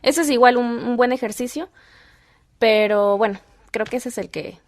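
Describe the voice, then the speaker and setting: A woman, a podcast guest and mother, telling animated stories and acting out quoted dialogue. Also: a little high, moderate pace. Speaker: guest, voice-over artist and mother. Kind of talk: casual podcast chat.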